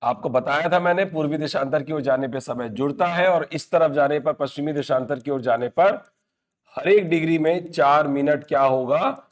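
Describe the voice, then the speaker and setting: Man teaching an exam-prep lesson in a slightly high voice. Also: moderate pace. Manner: asks questions and answers them himself, repeats key points. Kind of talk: exam-prep classroom lecture.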